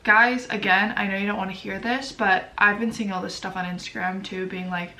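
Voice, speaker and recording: Speaking fairly quickly with a sharp, steady tone at medium pitch, this young woman vlogs about lifestyle while stuffy and sniffling. She chats casually to camera, leaning on fillers and poking fun at herself. An echoey room and some distance from the microphone color the recording.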